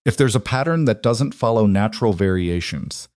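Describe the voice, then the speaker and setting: A man voicing a determined woman rancher in an audiobook, speaking calmly and precisely. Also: fairly low pitch, moderate pace, no room sound, studio quality, natural voice. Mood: steady. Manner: calm, precise, matter-of-fact. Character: determined woman rancher, quietly sure of herself. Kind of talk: audiobook narration.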